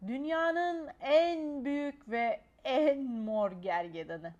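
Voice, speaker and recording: A woman's voice: high-pitched, slow, a little mellow, dull audio. A woman expressively reading a children's storybook aloud.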